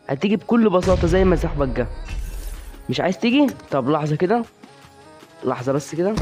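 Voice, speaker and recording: Young egyptian guy rattling off game commentary fast, high voice, trash talks, gunfire and faint music behind. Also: a little mellow. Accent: Egyptian Arabic. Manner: chatty, teasing, trash-talking opponents. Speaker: gamer commentating his own play. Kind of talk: live gameplay commentary.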